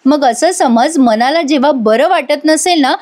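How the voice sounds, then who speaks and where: A woman's voice: high voice, measured pace, a little mellow. A woman reading a caring, coaxing older sister. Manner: pleading, coaxing.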